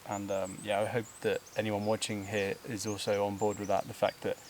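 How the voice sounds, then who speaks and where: A man's voice: fairly low pitch, completely flat delivery, fairly quick, slight background noise. A man talking to the camera while climbing a steep trail outdoors, out of breath, rambling loosely with fillers and laughs. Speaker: vlogger. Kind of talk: casual talk to camera while hiking. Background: buzzing insects.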